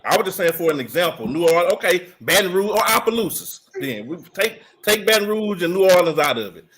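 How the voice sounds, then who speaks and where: A man's voice: sits high, expressive, a little fast, a bit bright, poor audio. A man co-hosting a sports podcast, arguing insistently in casual debate and repeating himself to press his point. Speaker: podcast co-host.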